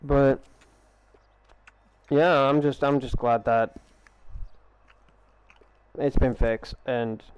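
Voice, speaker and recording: A young game streamer chats casually with his live-stream audience as he plays, speaking earnestly and rambling, often repeating himself into a gaming headset at home. His medium-pitched voice stays steady, and he talks extremely slowly with frequent pauses. The sound is clean with no echo, though the highs are cut off.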